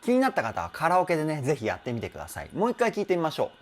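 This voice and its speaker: A man's voice: a little high, wildly swooping pitch, very fast, darkish tone. Chatty man breaking down singing technique. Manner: chatty, self-deprecating, laughs often, hums and imitates sung phrases. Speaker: vocal trainer. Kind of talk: vocal analysis commentary.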